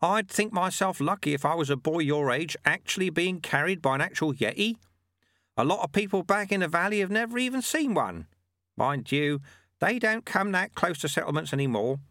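A smooth, teasing old master sweeper, unbothered and quietly amused, as a man puts him on. His voice sits higher than the narration and swings up and down a lot, sounding close and dry. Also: animated, moderate pace, dry recording. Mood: wry. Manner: smooth, teasing, airily lofty. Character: wry, unflappable old male sweeper and master.

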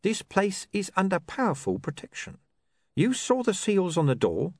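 A man's voice: high-pitched, wildly swooping pitch, normal speed, darkish tone, no echo, clean studio sound, voice pushed up, heavily acted. A man voicing a cold, calculating male criminal with a clipped, sly delivery, in an audiobook.

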